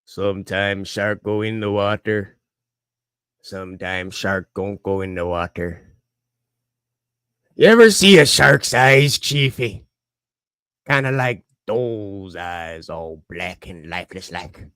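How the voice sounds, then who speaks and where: A man doing a gruff old sea captain. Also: lowish voice, animated, slow pace, long pauses, a bit bright, dry recording, clean studio sound, pitched below the performer's own voice. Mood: menacing. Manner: terse, broken grammar, rough.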